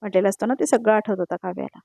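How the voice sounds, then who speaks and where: A woman's voice: medium pitch, fairly even intonation, racing, creaky, warm tone, no echo, studio quality. Woman casually recapping a TV serial. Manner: conversational, repeats "now she says" tags between quoted lines. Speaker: TV serial episode recap narrator. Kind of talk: casual spoken episode recap voice-over.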